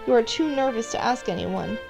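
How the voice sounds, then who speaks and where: A woman with a slightly high voice, lively intonation and some vocal fry reads scripted second-person story narration at a brisk clip, addressing the listener as the character. Music plays behind her, and the recording is rough.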